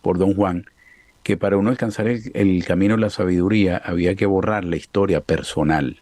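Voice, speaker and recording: A man interviewing a guest, building a long, measured question step by step. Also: deep voice, steady tone, a little mellow, no echo.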